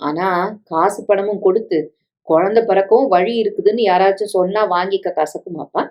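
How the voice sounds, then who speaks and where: A woman's voice: medium pitch, normal speed, lo-fi sound, close to an everyday voice. A woman voicing a scheming middle-aged stepmother who coaxes, pleads and guilt-trips, in a story reading with dialogue. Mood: coaxing. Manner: coaxing, pleading, guilt-tripping.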